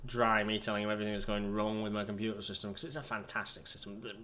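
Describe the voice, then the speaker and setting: A gaming video host with a fairly low, steady, bright and forceful voice talks fast over his game. His commentary rambles from topic to topic, chatty and self-mocking.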